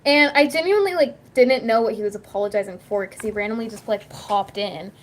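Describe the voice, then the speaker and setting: A woman YouTuber and livestreamer talks fairly quickly in a slightly high voice. In casual chat at home, she wanders through stories, acting out quoted lines and leaning heavily on "like."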